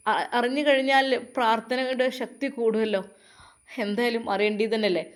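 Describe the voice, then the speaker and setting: A woman doing a gentle earnest young man. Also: on the high side, fairly even intonation, normal speed, close to an everyday voice. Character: kind young man, son of the family.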